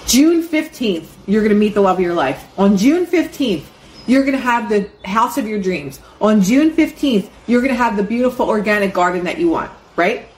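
A woman hosting a casual motivational talk, animated and swearing, acting out her own excited inner voice. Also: mid-range voice, fairly quick, few pauses. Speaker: host. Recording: echoey room with faint noise.

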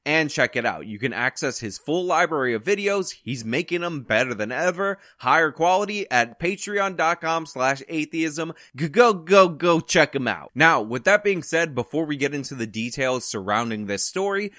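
A man's voice: a little high, animated, moderate pace, hardly any pauses, pushed and bright, no echo, studio quality. A man hosting his own online channel, giving casual news commentary with conversational, opinionated asides.

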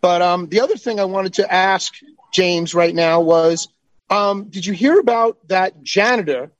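A man's voice: high-pitched, unhurried, dry recording, dull audio. A man joining a talk show as a guest, talking bluntly and heatedly with some swearing. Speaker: call-in guest. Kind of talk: casual chat.

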